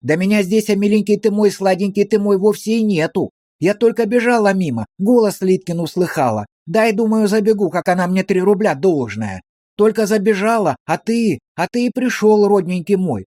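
A man's voice: sits high, big pitch swings, brisk, few pauses, a little mellow, slightly rough, dry recording, studio quality, pitched above the performer's own voice, full character voice. A man reading aloud voices a wheedling village woman who pleads in a sing-song, coaxing way.

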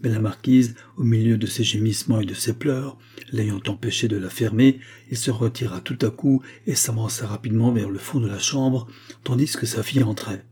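An audiobook narrator with a fairly low, husky voice reads a classic novel aloud. His scripted literary narration is measured and even.

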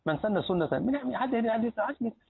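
Lively Egyptian sheikh teaching, tinny recording. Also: male voice, high-pitched, rapid-fire, vocal fry, husky. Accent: Egyptian Arabic. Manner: lively teacher, asks the class questions and answers them himself. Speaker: sheikh teaching a hadith book. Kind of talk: Islamic lesson in a mosque.

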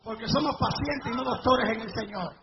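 A middle-aged male evangelist preaching a revival sermon to a live congregation, telling testimonies with fervor and breaking into shouts at the climaxes. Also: very high-pitched, moderate pace, crowd noise. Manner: fervent storytelling, rising to shouts at climaxes. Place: church or revival meeting before a live congregation. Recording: dull lo-fi recording with faint noise.

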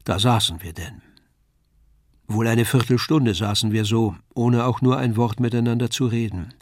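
Man reading an old story, calm and measured, dry close sound. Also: mid-range voice, no room sound. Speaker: reader. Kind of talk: scripted narration of a novella.

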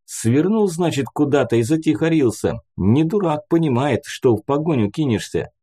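A man's voice: fairly high pitch, lively intonation, normal speed, mellow, husky, voice pushed up. A man voicing a cocky, blunt male mercenary leader in an audiobook.

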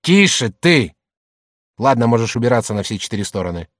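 A man's voice: medium pitch, very animated, a little fast, no room sound, clean studio sound, natural voice. A man reading an audiobook, voicing a middle-aged shopkeeper who wheedles and then bullies his wife. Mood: angry. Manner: gruff, by turns placating and bullying. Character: rough, boastful male shopkeeper, middle-aged, blustering.

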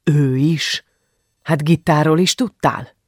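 Brief: male reader doing a protective, commanding father, gruff rumble, dry close sound. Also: fairly even intonation, no echo. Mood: stern. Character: stern, angry middle-aged father, protective.

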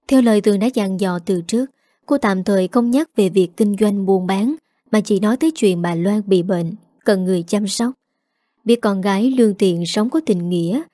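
Female storyteller, calm steady read, mellow tone, dry recording. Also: medium pitch, no echo. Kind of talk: audio story narration.

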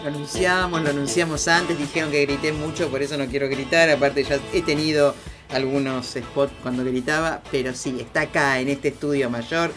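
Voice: medium pitch, fairly even intonation, moderate pace, loud music behind the voice. Teasing radio host introducing a guest. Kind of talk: casual radio chat.

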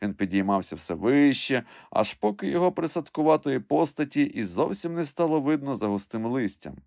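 A man reading an adventure story aloud as scripted narration, with expressive storytelling. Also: mid-range voice, fairly quick, gravelly, no room sound, clean studio sound. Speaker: audiobook reader.

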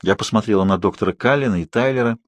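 A man narrating an audiobook in a steady, measured storytelling manner. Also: on the low side, dry recording. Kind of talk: scripted narration.

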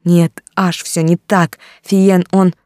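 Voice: medium pitch, level tone, slow, darkish tone, dry recording, natural voice. A reader voicing a desperate young woman who pleads through tears, recorded dry and close. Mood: pleading. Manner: pleading, tearful. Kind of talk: audiobook character reading.

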